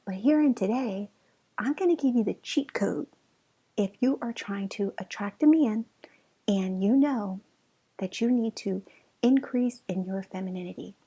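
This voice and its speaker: Female relationship podcaster, very breathy and husky with a soft mellow tone, informal, playful, direct address. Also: mid-range voice, measured pace, low-quality recording. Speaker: podcast host and relationship coach. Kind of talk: casual chatty solo podcast monologue.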